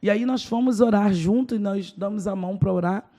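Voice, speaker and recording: Brazilian woman pastor as podcast guest, gravelly voice, emotional storyteller. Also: mid-range voice, a little fast, warm tone. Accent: Brazilian Portuguese. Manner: emotional storytelling, acts out dialogue. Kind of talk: personal testimony in a podcast interview.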